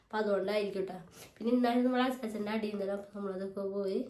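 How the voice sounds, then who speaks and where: A hoarse woman vlogger, chatting casually at her family home and often asking for agreement. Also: medium pitch, fairly even intonation, fast talker, mellow. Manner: chatty, rambling, asks for agreement. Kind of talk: casual home vlog chat. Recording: roomy echoey indoor sound.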